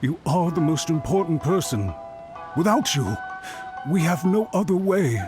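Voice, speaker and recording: Over background music, an actor voices a nervous, apologetic male official in a studio game, deferential and pleading for a second chance. His voice sits on the high side, with an unhurried, sing-song delivery.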